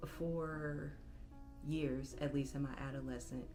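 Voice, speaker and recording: Woman, 30s, low voice, halting personal vlog, clear music underneath. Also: fairly even intonation. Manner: reflective, halting, self-correcting. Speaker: channel host. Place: bedroom.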